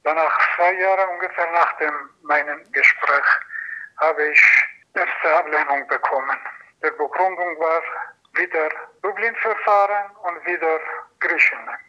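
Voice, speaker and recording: A man tells his own story in halting, careful phrasing and keeps restarting his sentences. His voice sits a little high and sounds very bright and sharp. The recording is dull and lo-fi. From Iran. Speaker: asylum seeker. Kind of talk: personal testimony.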